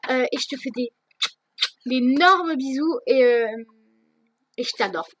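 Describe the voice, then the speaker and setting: A woman's voice: high-pitched, a little slow, noisy background. A teenage girl answering viewer questions in a casual vlog, hesitant, with many fillers and restarts. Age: teens. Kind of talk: casual chat.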